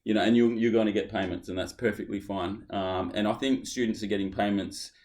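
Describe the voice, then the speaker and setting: A man's voice: lowish voice, fairly even intonation, a little mellow. An Australian man hosting a casual podcast chat, stopping and restarting as he lays out his questions. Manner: halting, restarts often while posing questions. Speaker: podcast host.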